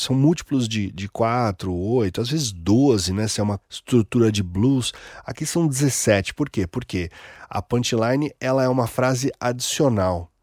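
A music educator with a Brazilian Portuguese accent and a lowish, slightly mellow male voice hosts a casual music analysis episode, breaking down a song in a relaxed, profane, demonstrative way and singing short examples. The recording is dry and studio quality.

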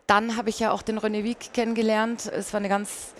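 A woman's voice: mid-range voice, level tone, brisk, slight background noise. Reflective woman telling her story. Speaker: guest, painter and mezzo-soprano. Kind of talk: conversational interview storytelling.

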